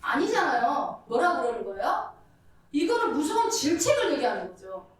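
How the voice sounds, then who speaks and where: A woman preacher giving a lively, conversational sermon full of rhetorical questions, heard from far off in an echoey church. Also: high-pitched, moderate pace. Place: church sanctuary.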